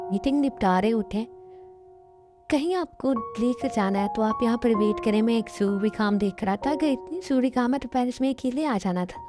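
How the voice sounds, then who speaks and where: A woman's voice: fairly high pitch, natural voice. A woman voicing a sulky young wife in an amateur Hindi dubbed drama, speaking in a complaining, reproachful way.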